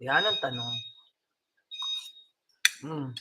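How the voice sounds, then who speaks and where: A woman's voice: rumbling low, expressive, drawn-out words, sharp tone, slight background noise. An older woman with a Filipino accent, chatting casually to her viewers at home, laughing often and mixing in English. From Philippines. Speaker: vlogger.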